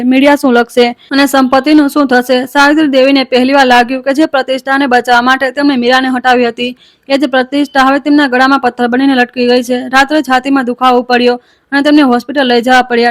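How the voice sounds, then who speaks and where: A woman narrating a scripted family story in a steady, measured reading voice. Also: sits high.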